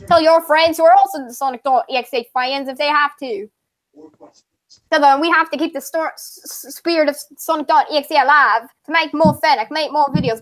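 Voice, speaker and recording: A woman voicing a furious, pompous internet story author, in a put-on Southern accent and a grandiose, drawn-out rant. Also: high voice, fairly bright tone. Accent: put-on American Southern. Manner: ranting, grandiose, slow and drawn out. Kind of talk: dramatic reading of a forum post.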